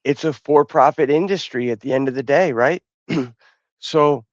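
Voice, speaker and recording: A middle-aged man speaking as a guest on a podcast, in a measured, reflective way. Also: medium pitch, dry recording, muffled recording. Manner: measured, reflective, some restarts. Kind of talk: podcast interview.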